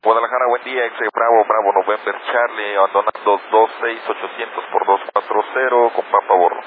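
A man's voice: lowish voice, steady tone, fairly quick. A man, a pilot, giving clipped position reports over a cockpit headset radio to air traffic control. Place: aircraft cockpit. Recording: noisy tinny radio transmission.

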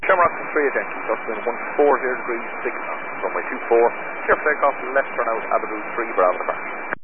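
Rapid male controller on noisy radio. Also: mid-range voice, animated. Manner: clipped, procedural. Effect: radio transmission. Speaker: air traffic controller. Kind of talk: rapid air traffic instructions. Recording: tinny radio band, loud static noise.

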